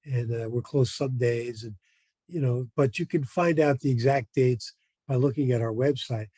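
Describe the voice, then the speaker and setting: A man giving an informal educational talk as a museum presenter, explaining things in a halting way. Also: medium pitch, mellow, slightly rough, dry recording.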